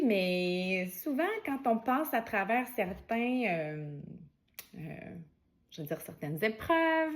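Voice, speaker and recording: A woman with a Québécois French accent talks through her oracle cards in an easygoing, conversational way. She keeps her pitch in a middling range and tosses in informal asides as she goes. Her tone stays gentle and encouraging. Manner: chatty and informal, many fillers and asides. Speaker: oracle card reader. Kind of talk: casual spiritual guidance vlog.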